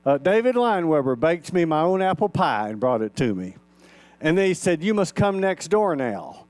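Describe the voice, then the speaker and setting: Older man in his 60s, minister, folksy storytelling sermon, smooth and slightly high voice, dry close sound. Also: sing-song, normal speed, darkish tone, dry recording. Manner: folksy, conversational, acts out quoted dialogue. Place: church sanctuary.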